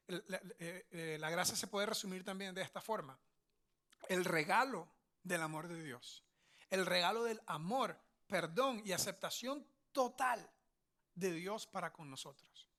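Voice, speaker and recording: In a high-sitting, fairly bright voice, a male pastor delivers a chatty sermon built on family stories, frequently checking in with his listeners by asking "verdad?" and "ok?"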